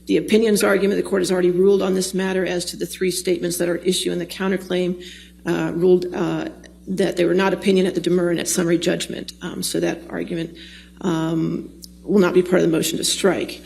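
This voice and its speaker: A woman judge reads out a formal ruling in a noticeably creaky voice. Her intonation stays flat and procedural, and she sounds matter-of-fact throughout. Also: lowish voice, fast talker. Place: courtroom.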